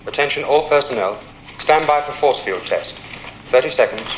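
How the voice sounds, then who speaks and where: An actor playing a calm, official male announcer on a space station, heard through a public address loudspeaker with a flat, measured delivery. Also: medium pitch. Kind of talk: 1970s TV sci-fi acting. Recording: echoey, dull loudspeaker with music. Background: dramatic score music.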